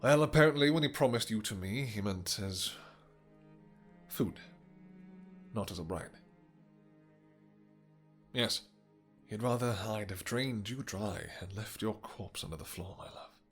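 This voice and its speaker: A man performs a possessive, vengeful vampire king in a fantasy romance audio roleplay. His voice sits low, with music behind it. He speaks in courtly, archaic turns, pausing hesitantly and dropping tender endearments. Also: close to an everyday voice. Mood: menacing, wounded. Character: doting, possessive, vengeful male vampire king with horns and wings.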